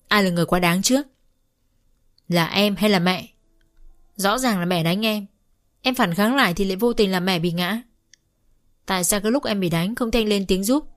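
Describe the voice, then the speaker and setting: A woman's voice: mid-range voice, natural voice. A woman voicing a defiant pregnant young wife who argues sharply and indignantly.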